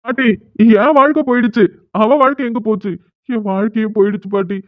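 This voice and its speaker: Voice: medium pitch, a little fast, no room sound, lightly acted. A voice actor doing a whiny cartoon young husband. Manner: whining, pleading. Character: young man, whiny, sulking new husband. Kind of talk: cartoon dialogue. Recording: tinny phone-like sound.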